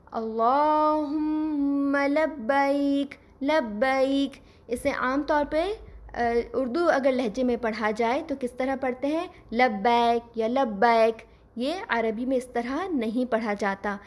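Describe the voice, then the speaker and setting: A woman teaching Quran recitation, explaining patiently step by step and slowing down to model each sound. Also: high voice. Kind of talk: scripted lesson.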